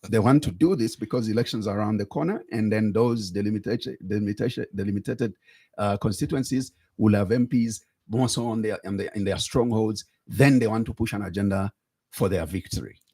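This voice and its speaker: A man with a Zambian accent hosting a current affairs interview, probing in halting, repetitive phrases. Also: fairly low pitch, mellow, husky, no room sound. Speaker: interview host.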